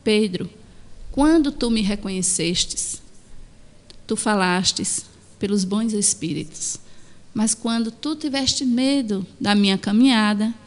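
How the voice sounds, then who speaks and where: A woman reading as a gentle spiritual teacher. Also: mid-range voice, takes it slowly, long reverb tail, lightly acted.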